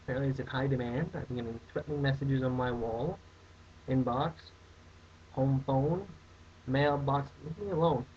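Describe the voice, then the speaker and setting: A man's voice: mid-range voice, moderate pace, darkish tone. A young man hosting a casual comedic vlog, answering viewer questions in a rambling, mock-outraged way. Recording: dull lo-fi webcam audio, faint hiss.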